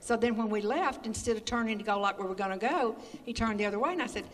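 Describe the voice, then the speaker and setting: Her voice a little high and her pace quick, an older woman laughs as she spins chatty, folksy stories for an interviewer. The setting is a community building hall, captured distantly with lots of echo.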